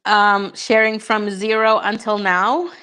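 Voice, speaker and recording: A woman's voice: medium pitch, level tone, takes it slowly, sharp tone, smooth. A young woman from Honduras, a YouTuber casually chatting with viewers and answering their questions, upbeat and full of fillers. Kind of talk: casual livestream chat.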